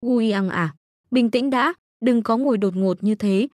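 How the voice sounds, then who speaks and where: A woman voicing a gentle older brother who reassures calmly. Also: on the high side, measured pace, no echo, clean studio sound, natural voice. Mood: reassuring. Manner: calm and reassuring. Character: gentle caring older brother, young man.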